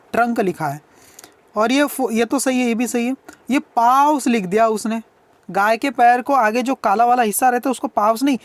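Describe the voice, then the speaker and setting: A woman teacher explains an English textbook lesson. She poses a question, answers it herself and repeats each word. Now and then she spells a word out letter by letter. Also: on the high side.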